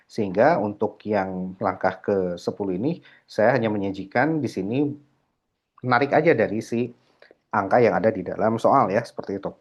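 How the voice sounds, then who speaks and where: A fairly low, slightly rough male voice explains a worked accounting problem shown on screen in a recorded lecture walkthrough for students. He scatters "nah" and "ya" throughout as fillers and code-switches into English terms, and a dull lo-fi mic captures it all.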